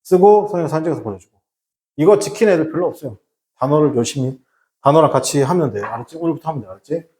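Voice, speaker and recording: A man's voice: a little high, lively intonation, fast, roomy sound. A man teaching English grammar in a recorded lecture, firing rhetorical questions and answering them himself, switching between casual and polite speech. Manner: acts out shouted warnings to make a point.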